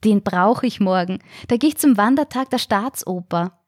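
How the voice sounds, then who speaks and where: Woman playing a bubbly old ex-ballerina, high fluttery voice, dry. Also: moderate pace, a little mellow, no echo, lightly acted. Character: cheerful elderly former ballerina woman.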